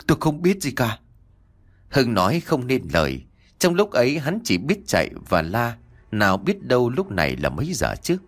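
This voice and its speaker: A man narrating a ghost story in a dramatic storytelling style. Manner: dramatic, sweeping pitch.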